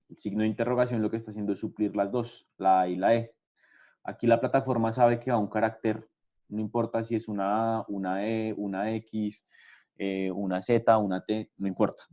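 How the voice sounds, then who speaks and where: Male trainer, low voice, patient step-by-step explainer, dull lo-fi webinar audio. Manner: explanatory, repeats "¿listo?" and "entonces" often.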